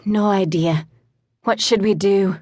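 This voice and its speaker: A woman voicing a sharp female raven with a sing-song Welsh accent in an audiobook. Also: medium pitch, takes it slowly, dry recording, close to an everyday voice. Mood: worried. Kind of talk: audiobook narration.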